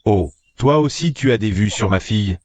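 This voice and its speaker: A man's voice: fairly low pitch, animated, moderate pace, a little mellow, no echo, lightly acted. A man playing a greedy, bullying, blustering village schemer in a dubbed drama. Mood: greedy, scheming. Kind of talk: dubbed short-drama acting.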